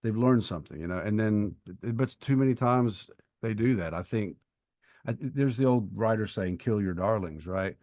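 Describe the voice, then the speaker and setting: This podcast co-host and writer, a middle-aged man, has a fairly low, slightly mellow voice and a moderate pace. He chats casually, opinionated and bookish, going into long explanations. There's no echo on the recording.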